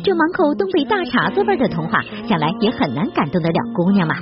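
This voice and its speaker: A woman's voice: mid-range voice, huge pitch swings, fast talker. A woman reading scripted narration for an entertainment news report. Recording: slightly dull sound over loud music.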